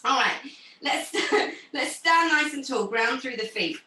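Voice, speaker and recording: A young woman teaching a pilates class over a video call, giving gentle, encouraging cues. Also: high voice, expressive, a little slow, far from the mic. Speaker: pilates instructor. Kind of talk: guided exercise class instruction. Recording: roomy sound from off the mic.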